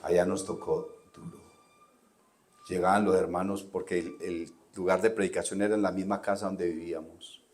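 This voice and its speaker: A middle-aged man with a Colombian Spanish accent, a pastor preaching a testimony sermon that runs from quiet, low storytelling to loud, high shouting, picked up by a distant microphone. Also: fairly even intonation, normal speed.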